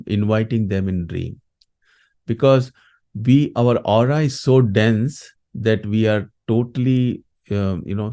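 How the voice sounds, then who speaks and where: A man with an Indian accent and a mellow, gravelly voice. He explains things as an interviewed coach, reflective and halting, in a lowish register. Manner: halting, reflective, often adds "you know" and "right". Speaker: grief coach, interview guest.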